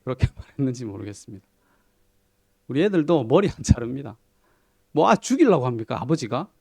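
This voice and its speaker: A middle-aged pastor tells everyday stories from the pulpit in a gravelly, mid-pitched voice. He talks in a chatty, self-deprecating way, often dropping to quiet asides and soft chuckles. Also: big pitch swings, a little fast. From Korea. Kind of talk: conversational sermon storytelling.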